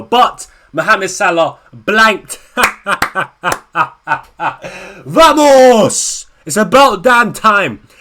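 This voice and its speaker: Young lad, ranting fantasy-football vlogger; fairly high, bright, punchy voice, exasperated and slangy. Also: male voice. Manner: exasperated, animated, slangy, stumbling restarts. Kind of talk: casual ranting reaction video.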